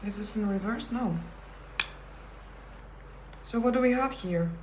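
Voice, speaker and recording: Slow, measured woman reading tarot. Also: mid-range voice, echoey room, background noise. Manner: slow, thoughtful delivery with pauses and self-corrections. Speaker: tarot reader. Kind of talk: pick-a-card tarot reading.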